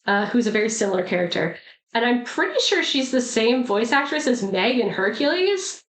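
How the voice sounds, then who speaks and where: A woman's voice: a little high, sing-song, normal speed. A woman co-hosting a podcast, chatting casually about a film with lots of fillers and little acted-out lines. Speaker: podcast co-host. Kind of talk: casual movie discussion. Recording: echoey room.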